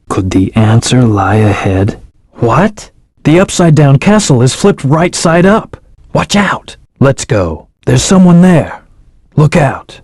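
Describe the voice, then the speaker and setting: A man's voice: medium pitch, darkish tone, no room sound, clean studio sound. An actor playing a brooding young male hedgehog, a cool, proud antihero who speaks in terse, self-assured commands. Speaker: video game character. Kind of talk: studio game voice acting.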